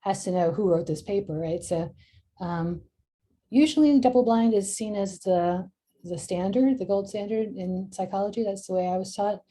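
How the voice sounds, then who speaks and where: A middle-aged woman, a journal editor, giving a relaxed screen-share tutorial and thinking aloud with frequent ums. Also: medium pitch, moderate pace.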